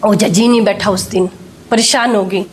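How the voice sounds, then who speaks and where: A woman's voice: medium pitch, steady tone, moderate pace, a little hiss or hum. A woman, telling a church testimony and acting out the quoted speech as she goes. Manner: storytelling, acts out quoted speech. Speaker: church member sharing a testimony. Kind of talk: testimony told to an interviewer.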